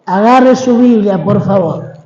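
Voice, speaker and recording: High-voiced Argentine preacher in echoing church. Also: male voice, unhurried, mellow, highs cut off, a little hiss or hum. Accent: Argentine Spanish. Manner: dramatic testimony, calls for congregation to repeat. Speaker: guest preacher. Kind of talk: sermon. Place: church hall.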